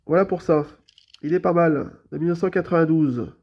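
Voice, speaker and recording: This vlog features a man with a slightly high voice and a blocked nose from a cold, briskly presenting his toy car collection. The sound is lo-fi, and he stays laid-back and talkative while hesitating and repeating fillers a lot.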